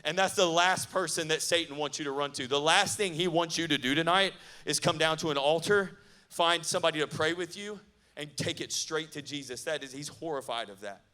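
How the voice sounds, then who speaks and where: Guy youth pastor preaching at camp, kinda high bright voice, chatty and lively. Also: a little fast. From not from the American South. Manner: lively, conversational preaching with asides to the crowd. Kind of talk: sermon.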